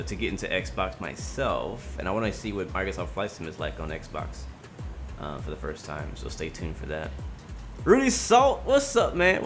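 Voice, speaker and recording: A man hosting a flight sim livestream on a headset mic, chatting casually and greeting viewers by name. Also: on the low side. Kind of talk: casual livestream chat, reading viewer comments aloud.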